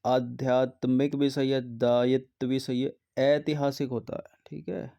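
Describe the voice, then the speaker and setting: A man with a warm, mellow voice works through grammar exam questions one at a time. He reads each option aloud, then checks them methodically and corrects the wrong ones in a steady teaching tone. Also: mid-range voice, a little slow, gravelly.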